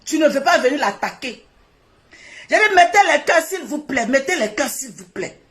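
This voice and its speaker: A woman's voice: high-pitched, animated, normal speed, fairly bright tone. A woman on a live stream, scolding and mocking a rival in a heated, repetitive rant.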